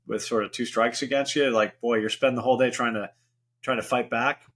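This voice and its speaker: A venture investor in middle age, guesting on a podcast, talks a little fast with a medium-pitched, fairly bright voice and fairly even intonation. His conversation is loose and frank, meandering and sprinkled with lots of "you know" fillers.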